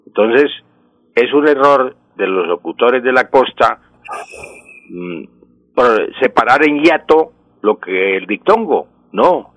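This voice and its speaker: A man's voice: mid-range voice, a bit bright, no echo, rough recording. Dry-voiced man explaining grammar on air. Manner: didactic, drawn-out example words. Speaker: language expert answering listener questions. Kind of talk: radio call-in explanation.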